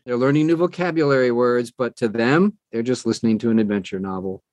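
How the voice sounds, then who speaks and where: A middle-aged or older man, an audiobook producer appearing as an interview guest, gives earnest, conversational advice and repeats phrases to drive points home. His voice is medium in pitch, fast and a little mellow, with no echo.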